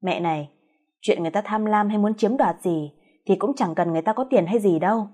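Lady doing a sarcastic young wife in a story, husky, calm and cutting. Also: medium pitch, brisk, natural voice. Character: cool sharp-tongued young wife.

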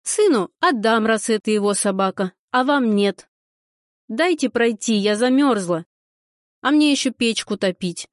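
Упрямая возмущённая девушка, как её читает женщина, высоко и медленно, сухо. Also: female voice, fairly high pitch, animated, a little slow, no room sound, studio quality. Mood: defiant. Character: stubborn young woman, defiant and snappy.

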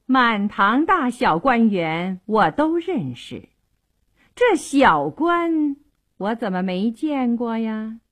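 A woman voicing a haughty, imperious noblewoman who talks in a shrill, scolding way, in a traditional storytelling broadcast. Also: very animated, takes it slowly, fairly bright tone, heavily acted. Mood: imperious, angry.

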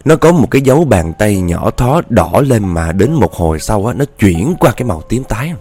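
A man's voice: on the low side, very animated, normal speed, warm tone. A man narrating a ghost story in a chatty way, often speaking straight to his listeners. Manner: chatty, addresses listeners directly.

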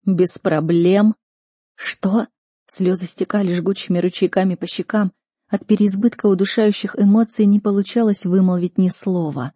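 A woman's voice: mid-range voice, steady tone, fairly quick, mellow, no echo, studio quality. A woman narrating a first-person fantasy audiobook with an emotional, dramatic reading.

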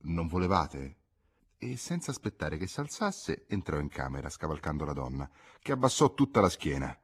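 A man reading a literary novel aloud as a measured audiobook narration. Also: a bass voice, big pitch swings, husky. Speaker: audiobook reader. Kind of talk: scripted narration.

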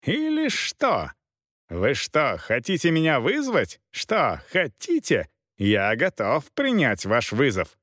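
A man reading aloud, voicing a hot-tempered male mercenary captain who shouts indignant taunts. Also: medium pitch, very animated, measured pace, no echo, studio quality. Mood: shouting.

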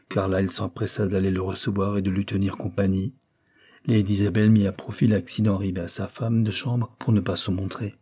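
A man narrates a classic novel in a steady, unhurried reading. His voice is low and mellow, with a husky, breathy texture. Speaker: audiobook narrator. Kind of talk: scripted storybook narration.

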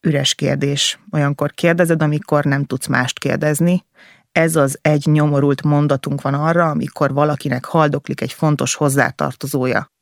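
A man reading a first-person novel aloud as an audiobook narrator, with an intense, emotional delivery in short, halting phrases. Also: a little high, level tone, vocal fry, no room sound, clean studio sound.

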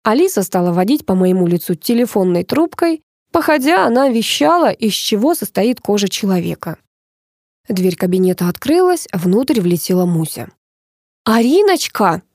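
A woman's voice: fairly low pitch, very animated, moderate pace, warm tone, no room sound. Woman narrating a dry ironic audiobook. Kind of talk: first-person audiobook narration.

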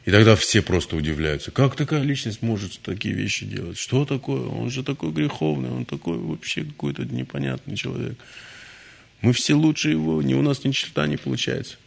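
A man's voice: mid-range voice, sing-song, fairly quick, creaky, husky. A man giving a devotional lecture in a conversational, storytelling manner, often restarting his words. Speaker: spiritual lecturer.

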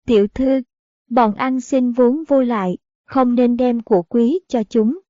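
A woman voicing a rude, hot-tempered male servant who talks in a gruff, threatening way. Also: on the high side, unhurried, dark tone, no room sound, close to an everyday voice. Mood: scornful. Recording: dull, dry audiobook recording.

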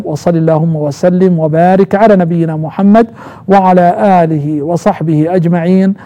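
A man teaching a lesson on Quran readings, explaining calmly and reciting verses slowly with rising emphasis. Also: on the high side. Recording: dull lo-fi recording.

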